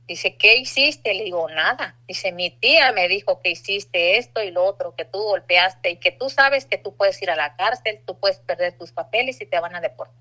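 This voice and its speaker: A middle-aged woman tells her story in an earnest, confessional way. Her voice is bright and sits at an ordinary pitch for a woman. She voices the other people in her story as she goes. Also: moderate pace, hardly any pauses, low-quality recording. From Mexico. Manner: earnest, confessional, acts out dialogue. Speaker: testimony speaker. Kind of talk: personal testimony.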